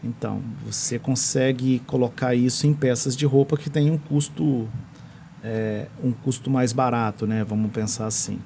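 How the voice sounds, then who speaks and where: A man's voice: mid-range voice, steady tone, normal speed, creaky, dark tone, slight background noise. A man with a Brazilian accent explaining technology as a podcast guest in a studio, restarting phrases as he searches for words. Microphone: studio microphone.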